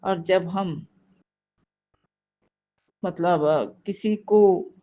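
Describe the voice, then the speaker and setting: A woman speaking at a devotional gathering, measured and reflective, explaining her point through examples. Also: fairly low pitch, steady tone. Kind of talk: devotional talk. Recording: dull lo-fi recording.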